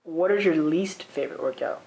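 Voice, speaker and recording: A woman's voice: sits low, a little fast, darkish tone, a little hiss or hum, rough recording. A woman interviewer asking plain, direct questions.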